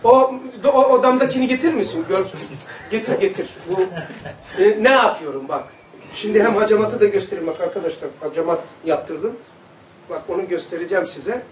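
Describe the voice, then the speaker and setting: A man giving an informal religious lesson to a small audience, talking in an animated, chatty way and often turning to address the room directly. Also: high voice, a little fast. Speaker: religious teacher. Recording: roomy sound, voice from far off the mic, faint background hum.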